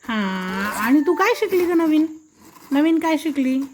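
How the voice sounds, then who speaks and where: A woman's voice: high-pitched, sing-song, a little slow, darkish tone, slight background noise. A woman at home talking to a toddler in baby talk, coaxing her and repeating each prompt again and again. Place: indoors at home.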